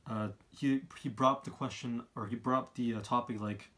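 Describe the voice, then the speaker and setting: A man, giving his opinions in a casual monologue, halting and often repeating himself as he rambles. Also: mid-range voice, fairly even intonation, pushed and bright. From Canada. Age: 20s. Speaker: vlogger, college student. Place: small room indoors, seated by a wall.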